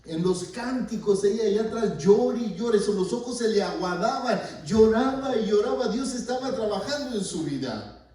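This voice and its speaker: Man, pastor preaching, storytelling, loud then hushed, mellow tone, echoey church hall from far off. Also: high-pitched, animated, moderate pace. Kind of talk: sermon. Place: church sanctuary.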